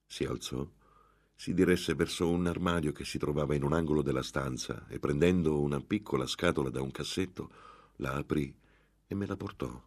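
A man narrating a literary tale in first person for an audiobook. His voice sits extremely low, with a gravelly fry and a husky texture. He tells the story in a measured, dramatic way.

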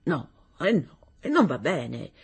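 A gallant male music teacher with a fervent, coaxing way of speaking, voiced by a woman. The tone is soft and breathy, and he urges his pupils on with warm insistence. It comes across as a lone voice reading a storybook. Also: low voice, sing-song, takes it slowly, voice pushed down, exaggerated voice.

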